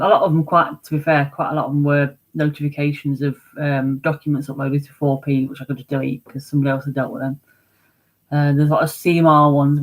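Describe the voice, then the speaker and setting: A woman's voice: deep voice, poor audio. A woman hosting a casual morning livestream chat from home, rambling about her week and answering comments from her viewers. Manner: chatty, rambling, reads chat comments aloud. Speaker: livestream host.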